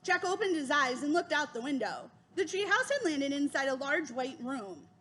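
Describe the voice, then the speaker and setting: A woman reading a children's chapter book aloud, giving the children's lines a higher voice. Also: expressive, moderate pace, a bit bright. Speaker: reader.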